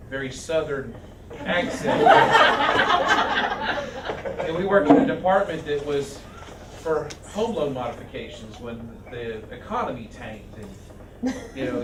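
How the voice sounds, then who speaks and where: A man speaking at a memorial, halting with many restarts and fillers. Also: medium pitch. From Arizona. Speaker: eulogy speaker. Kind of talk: memorial speech. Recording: echoey hall from far off, noisy.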